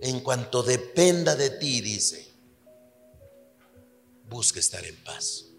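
A man preaching a sermon to his church, earnest, dropping his voice low for emphasis and turning lively when he tells a story. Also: slow. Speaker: pastor. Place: church hall. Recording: reverberant church hall with soft music.

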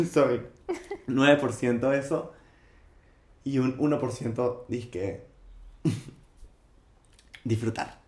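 A man's voice: mid-range voice, drawn-out words, long pauses, a little hiss or hum. Young guy on a podcast, teasing and joking, echoey room. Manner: teasing jokester. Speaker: podcast co-host. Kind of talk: casual chat. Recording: roomy echo.

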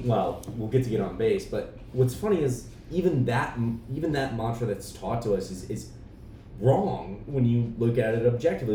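A man explaining sports strategy in casual chat, thoughtful and steady, with lots of fillers. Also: medium pitch, echoey room, far from the mic, a little hiss or hum, poor audio. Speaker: podcast co-host.

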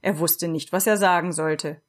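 A woman narrating a children's storybook in a steady, expressive reading voice. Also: on the low side, moderate pace. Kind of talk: storybook narration read aloud.

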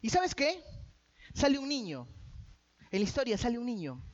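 High-voiced man preaching with jokes. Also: wildly swooping pitch, moderate pace. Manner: joking with the congregation; calls out to the audience. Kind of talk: sermon. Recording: dull lo-fi sound.

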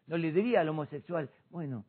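Husky-voiced man preaching with fervor. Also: a little high, lively intonation, normal speed. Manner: impassioned preaching, rising to shouts. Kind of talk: church discussion program. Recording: tinny phone-like sound.

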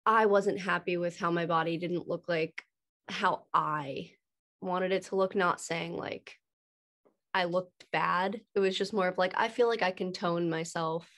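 A woman's voice: lowish voice, fairly even intonation, a little slow, fairly bright tone. A young woman chatting in an interview, talking earnestly with lots of casual fillers. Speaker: guest.

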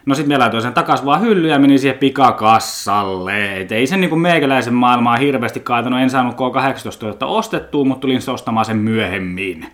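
A man's voice: medium pitch, expressive, hardly any pauses, a bit bright. A man with a Finnish accent talks through a loose, rambling podcast monologue. He is blunt and joking, swears freely, and often stumbles over words before finding them. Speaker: podcast host.

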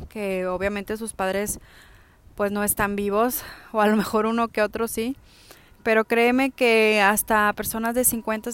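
Smooth-voiced woman giving a self-help talk. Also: medium pitch. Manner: addresses listener directly, many fillers and restarts.

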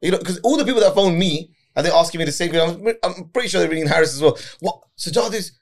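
A man's voice: fairly high pitch, rapid-fire. A middle-aged man in casual group chat, repeating words and phrases to make his point.

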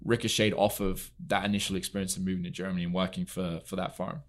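Man, from England, low pitch, podcast studio, earnest storytelling guest. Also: flat delivery, quick pace. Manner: earnest, storytelling, frequent fillers. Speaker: podcast guest, equestrian entrepreneur. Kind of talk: casual interview chat.

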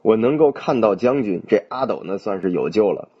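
A man's voice: on the low side, expressive, a little fast, breathy edge, highs cut off. A man reading a wounded noblewoman's plea. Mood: pleading. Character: wounded noblewoman, desperate and tearful.

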